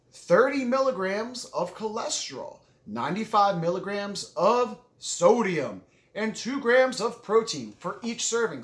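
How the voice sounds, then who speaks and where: Eating as he vlogs, a man with a high-sitting, fairly bright voice talks casually through mouthfuls, chewing between phrases. His talk is rambling and enthusiastic, full of self-corrections, and the room echoes.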